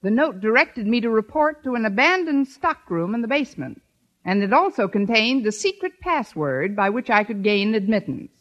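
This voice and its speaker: An actress playing a wry, quick-witted schoolteacher who narrates and trades dry wisecracks in a 1950s radio comedy. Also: female voice, fairly high pitch, big pitch swings, a bit bright. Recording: dull old radio recording.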